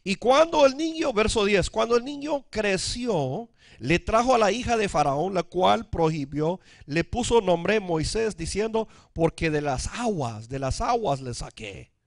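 A man's voice: sits high, big pitch swings, measured pace, gravelly, dry recording, studio quality. A male pastor, preaching a sermon, calling out for amens and dropping in English words. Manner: preaching with frequent calls for amen.

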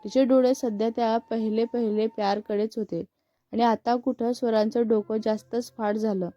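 A woman storyteller giving a steady, expressive scripted reading of a story. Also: a little high, normal speed, no echo. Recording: muffled with faint background music.

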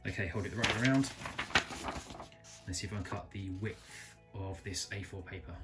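A man calmly reviewing a small pocket knife, thinking aloud and correcting himself as he goes. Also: lowish voice, fairly quick, over music. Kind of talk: casual product review narration. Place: indoors at a table, filming hands close up.

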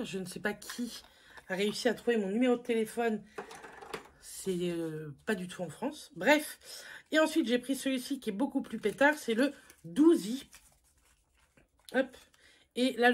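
A woman's voice: on the high side, lively intonation, measured pace, pauses often. Chatty woman reviewing a makeup haul. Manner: chatty, self-mocking, lots of fillers. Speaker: beauty vlogger.

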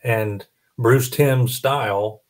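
A middle-aged man hosts a casual collector panel over a video call from a small room at home, rambling a bit as he thinks out loud. His voice is medium in pitch and he draws out his words. He is recorded close up on a studio mic mounted on a boom arm.

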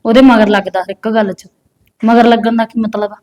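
A woman's voice: fairly high pitch, steady tone, a little mellow, natural voice. A woman playing an outspoken middle-aged aunt who takes the young wife's side. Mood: consoling. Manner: outspoken, quick comebacks.

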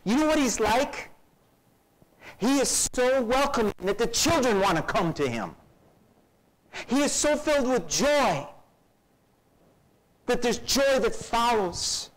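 A man's voice: very high-pitched, slow, pauses often, low-quality recording. A male pastor preaching a sermon, acting out scenes with shifting voices and dramatic drops to near-whispers. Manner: animated, acts out scenes with varied voices.

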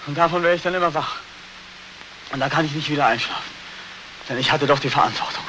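An actor playing a haunted, sleepless young soldier with an intense, feverish, deferential military manner in a 1940s film. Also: male voice, on the high side, quick pace, pushed and bright, rough recording. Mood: pleading. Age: young adult. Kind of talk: 1940s German film acting. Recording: hissy 1940s film soundtrack.

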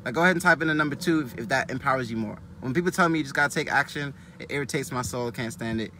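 A man giving a live-streamed motivational talk from inside a car, animated and loose, full of conversational asides. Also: medium pitch, rapid-fire, slight background noise. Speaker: motivational business speaker.

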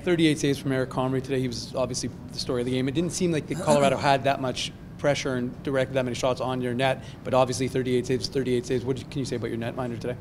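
Fast-talking male sports reporter. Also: medium pitch, little pitch movement, noisy background. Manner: quick, running questions together. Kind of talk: post-game press questions.

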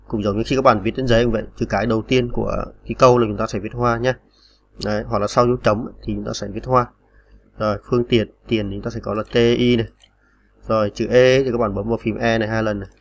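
A man's voice: on the low side, gravelly. A man teaching typing on a computer in a patient, step-by-step way, with many small fillers. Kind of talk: screen-recorded typing tutorial.

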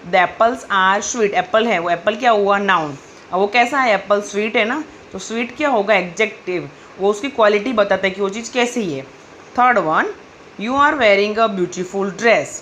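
A woman teacher explains grammar to children in a patient question-and-answer style, reading sentences slowly. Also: mid-range voice, a bit bright, slight background noise.

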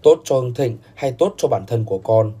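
A man's voice: medium pitch, expressive, normal speed, dark tone, husky. Man voicing a stern old grandfather. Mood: scolding. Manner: stern, reproachful. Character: older grandfather, stern business patriarch.

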